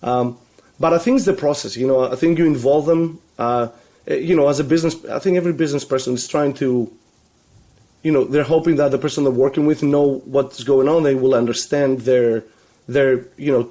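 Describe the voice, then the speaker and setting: A Greek-born web agency founder, a guest on a casual video call interview, speaks from a room at home lined with toy shelves. His mellow, middle-pitched voice wanders in loose runs, restarting often, filling pauses with "you know," and laughing easily.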